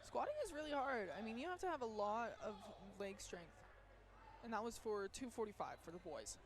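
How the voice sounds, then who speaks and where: A woman calls the lifts live at a school powerlifting meet, halting often with pauses and fillers. Her slightly high voice is animated but strained from yelling the day before.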